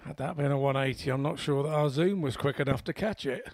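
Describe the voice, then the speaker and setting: A man's voice: mid-range voice, fast, vocal fry, darkish tone, dry recording. A man co-commentating on live darts in a chatty, informal way with rambling asides.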